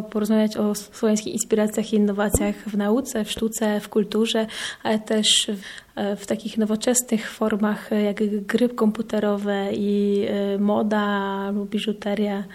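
Young woman, flat voice, hesitant interview. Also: a little high. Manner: hesitant, many "e" fillers. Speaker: conference organizer. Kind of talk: interview answers.

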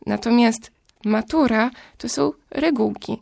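Gravelly woman explaining at length. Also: on the high side, darkish tone, no room sound, studio quality. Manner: measured, explanatory, builds long argued sentences. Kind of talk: casual discussion.

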